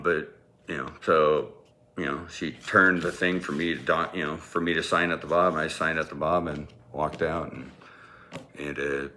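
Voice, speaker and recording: A former teacher with a very deep voice, still bright and forceful, shares a personal story from his teaching years. He speaks casually and rambles, chuckling to himself along the way.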